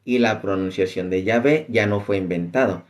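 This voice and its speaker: A man teaching an informal class on the Bible, talking loosely and often pausing on "este". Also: lowish voice. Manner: conversational, many fillers like "este".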